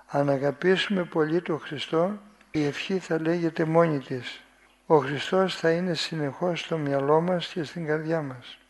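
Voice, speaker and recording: A man's voice: on the high side, darkish tone. A man preaching a sermon, reading from a spiritual text, commenting on it unhurriedly and asking his listeners rhetorical questions.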